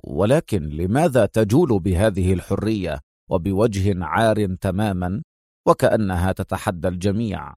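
A man's voice: normal speed, a little mellow, no room sound, clean studio sound. A man voicing a composed secret agent who speaks firmly and with restraint, in an audiobook. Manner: firm, low, restrained. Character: firm, composed male secret agent hero. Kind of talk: audiobook character voice.

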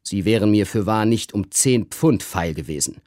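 A man voicing an irritable, pompous older gentleman who blusters at his household in a literary reading. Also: lowish voice, moderate pace, dry recording, studio quality, lightly acted. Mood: blustering. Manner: gruff and blustering.

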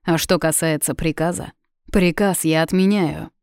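Storybook king: a woman reading a stern, commanding young ruler, low and warm. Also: moderate pace, clear, resonant tone, no room sound, clean studio sound. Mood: calm. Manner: calm and commanding.

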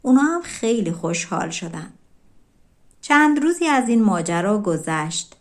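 A woman narrates a folk tale for an audiobook in a calm, easygoing storytelling voice. She reads in a relaxed, conversational way rather than a formal one, and her pitch sits in the middle of the female range.

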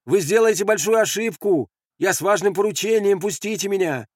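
A man voicing a desperate male guerrilla messenger who shouts and pleads to be let through. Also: a little high, expressive, moderate pace, no echo, clean studio sound, pitched above the performer's own voice. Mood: pleading. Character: frantic male guerrilla messenger crossing lines.

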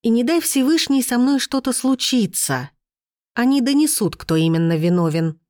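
A woman's voice: on the low side, lively intonation, normal speed, darkish tone, no room sound, studio quality, lightly acted. A woman voicing a defiant young noblewoman who speaks in a firm, cold, steely tone. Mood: threatening.

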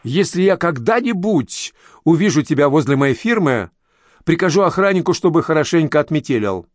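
Male narrator doing a raging boss: shrill, higher and louder than his own voice, dry close sound. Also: big pitch swings, normal speed, no room sound. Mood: angry. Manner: yelling, shrill when enraged. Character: harsh fat male boss, furious and cruel.

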